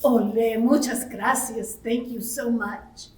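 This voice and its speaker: A woman voicing a gentle, hiccuping ghost in a bilingual children's puppet show, saying each line in English and Spanish. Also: fairly high pitch, fairly even intonation, slow pace. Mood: fretful. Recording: echoey room, far from the mic.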